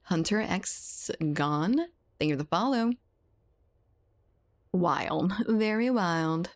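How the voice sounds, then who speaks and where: A woman from South Louisiana streams a game and chats casually with her viewers, reading and answering the chat and laughing often. Her lowish voice has lively intonation and she takes her time.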